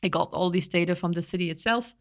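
A woman's voice: on the low side, fast talker. A young woman explaining her wildlife research in casual chat, eager, with many restarts and fillers.

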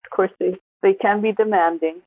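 A woman's voice: medium pitch, fairly even intonation, normal speed, no echo. A woman co-hosting a podcast, chatting casually and laughing easily. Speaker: podcast co-host. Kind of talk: casual chat. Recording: tinny phone-like line.

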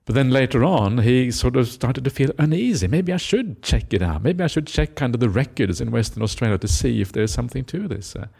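A man's voice: medium pitch, lively intonation, fairly quick, creaky, few pauses, breathy edge. A middle-aged man from Norway, a Buddhist monk giving a reflective Dhamma talk, often ending his points with a questioning "eh?". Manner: reflective, tags lines with a questioning "eh?"; gentle laughter, hesitant fillers.

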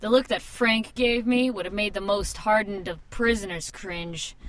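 In a radio drama, a woman plays a nervous young tattoo artist, narrating in the first person and speaking dialogue with a wry, confiding, self-conscious air. She's informal and hesitant in scenes but confiding in narration, her mid-range, fairly bright voice lightly acted at a moderate pace, though the audio is poor.

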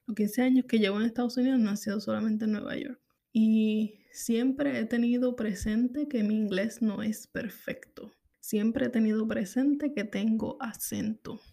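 A Puerto Rican woman in her thirties talks candidly to her podcast listeners, thinking out loud and repeating herself as she goes. Her voice sits a little high but has a dark, mellow tone with a gravelly edge. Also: fairly even intonation, normal speed. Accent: Puerto Rican Spanish. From Puerto Rico. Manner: candid, reflective, repeats phrases. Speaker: podcast host. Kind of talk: personal monologue.

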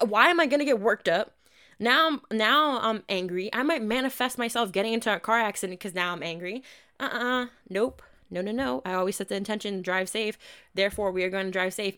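Podcast host, young woman, clear smooth voice, blunt, profane, motivational chat. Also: mid-range voice, a bit bright. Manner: candid, profane, self-help pep talk. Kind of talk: casual advice monologue.

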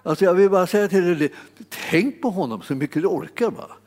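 A man's voice: sits high, lively intonation, darkish tone. En man som predikar med många omtagningar och upprepade ord, som ibland stegras till utrop. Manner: halting, repeats words, rises to exclamations. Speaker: preacher. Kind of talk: sermon. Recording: long hall reverb.

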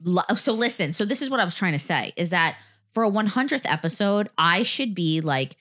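A woman's voice: fairly low pitch, expressive, fairly quick, fairly bright tone. Candid thirtysomething woman podcast host. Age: 30s. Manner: candid, rambling, laughs while talking. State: in pain from back spasms. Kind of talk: casual chat.

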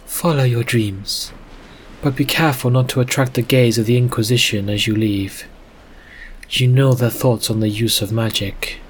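A man's voice: mid-range voice, steady tone, moderate pace, slight background noise, lightly acted. A man voicing a caring, worried middle-aged mother who speaks in a pleading, concerned way.

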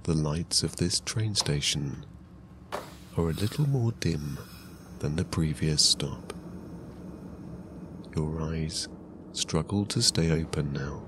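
A man narrating a guided sleep story in a calm, soothing, hushed voice with long pauses. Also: extremely low pitch, noisy background.

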